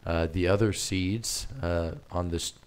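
A man preaching a sermon as a visiting missionary, in a plain conversational way, halting often with fillers and restarts, his voice a little strained. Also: low voice, steady tone, clear, resonant tone. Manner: hesitant, many fillers and restarts.

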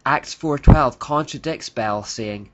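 A man's voice: mid-range voice, takes it slowly, a bit bright, lo-fi sound, slight background noise. A man giving scripted narration in a critical tone, reading out quotes.

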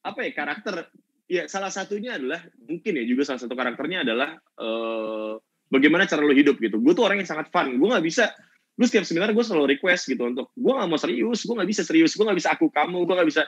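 A man giving a workshop talk in casual slang. He is fiery and energetic, moving between loud and soft speech, and he is heard over a video call. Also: on the high side, fast, slightly rough, no echo, lo-fi sound. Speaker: workshop speaker.

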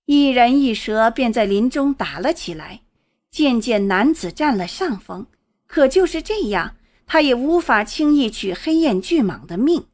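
A woman narrating a serialized fantasy novel in a lively storytelling manner. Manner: lively storytelling, swings pitch with the action. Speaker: audiobook narrator.

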